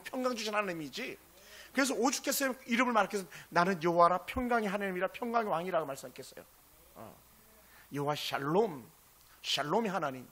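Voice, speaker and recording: A male pastor preaching a sermon, impassioned and swinging between loud exclamations and hushed asides. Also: sits high.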